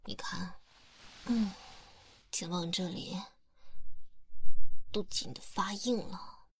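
Slow, breathy whispering young woman. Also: on the low side, no room sound. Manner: soft, coaxing, teasingly possessive. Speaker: ASMR roleplay performer. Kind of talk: whispered ASMR roleplay as a doting partner. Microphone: close mic.

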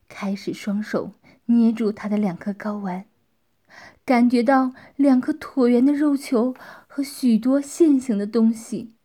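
A woman narrating a story, often dropping into soft, half-whispered passages. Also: on the high side.

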